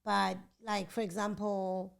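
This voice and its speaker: A woman's voice: mid-range voice, level tone, slow pace, vocal fry, fairly bright tone, clean tone. A young woman with a South African accent, co-hosting a podcast in casual chat and often talking over her partner. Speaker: podcast co-host.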